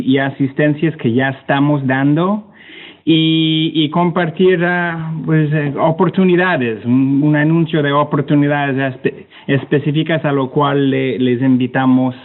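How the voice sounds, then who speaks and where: A man with a Canadian accent, representing a climate technology organisation, presents informally with slides as a panelist on an online webinar. He speaks haltingly and hesitantly in a fairly high, fairly even voice, repeating words as he searches for them. The connection sounds narrow and tinny, like a phone line.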